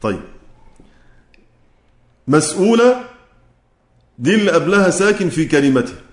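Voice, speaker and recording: A man with an Egyptian accent teaches the rules of Quran recitation. His voice sits a little high, and it echoes in the room. He poses questions, answers them himself, and slows down to chant each quoted verse. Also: big pitch swings. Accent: Egyptian Arabic.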